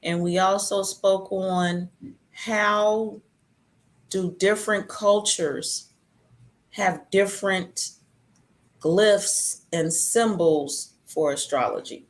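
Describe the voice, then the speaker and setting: A woman chatting casually, telling personal stories with a warm, conversational flow. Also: medium pitch, very slow. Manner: chatty, storytelling.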